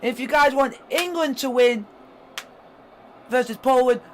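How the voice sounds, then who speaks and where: Man, very high pitch, excitable live stream reaction, cheering, faint noise. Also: a little slow. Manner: cheery, keeps urging the team on and rallying the chat. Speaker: streamer hosting a live match watchalong.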